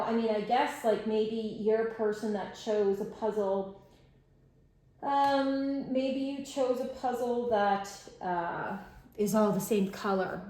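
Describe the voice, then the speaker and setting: A woman's voice: a little high, a little mellow, roomy sound. A tired woman hosting a puzzle channel from home, chatting unscripted and rambling with lots of fillers, sometimes dropping to mutters as she works. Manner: drops to mutters and whispers while working the puzzle. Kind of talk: unscripted chat while doing a puzzle.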